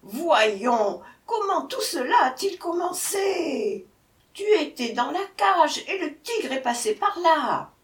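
A woman voicing a sly male jackal who plays dumb in a storybook tale, whining in a high, drawn-out, fretful voice. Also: big pitch swings, exaggerated voice. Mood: whiny feigned confusion. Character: sly male jackal feigning silly confusion. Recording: echoey room, voice from far off.

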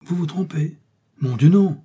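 Man doing a swaggering musketeer, pompous, boastful, mellow husky tone, storybook reading. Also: on the high side, measured pace, dull audio, voice pushed up. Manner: pompous, self-important.

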